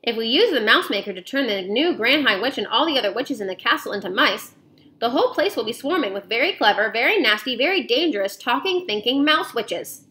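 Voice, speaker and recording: Woman reading a high, bright mouse boy, keen and quick. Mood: urgent. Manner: eager, excitable. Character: young boy turned into a clever mouse.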